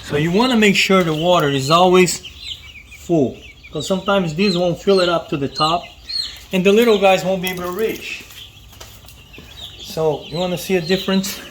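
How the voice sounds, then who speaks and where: A man's voice: high voice, moderate pace, long pauses, noisy background. Chatty man explaining chick care outdoors. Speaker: vlog host. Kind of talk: casual how-to explanation.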